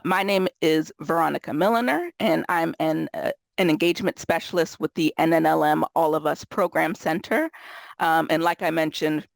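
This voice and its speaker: A woman's voice: low voice, vocal fry, dry recording. A woman moderating a webinar, sounding nasal from a cold, talking casually with lots of fillers over a video call. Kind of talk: webinar housekeeping intro.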